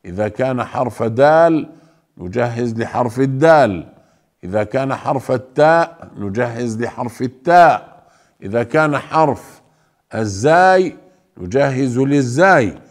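A man teaching the rules of Quran recitation at a slow, unhurried pace. He draws out each example word and repeats his points patiently. His pitch sits in the middle for a man. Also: animated. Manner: slow and deliberate, drawing out demonstrated words and repeating points; addresses listeners fondly as beloved ones.

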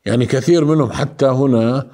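A man teaching Quran recitation rules, explaining slowly and calling his listeners beloved ones. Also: mid-range voice, mellow. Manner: explains slowly, then chants verses in a drawn-out melody. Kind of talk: recitation lesson with chanted examples.

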